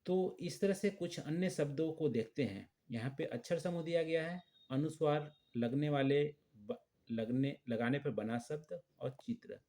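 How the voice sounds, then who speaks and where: A man's voice: on the high side, measured pace, dark tone. A man teaching young children, patiently spelling out letters and words one by one.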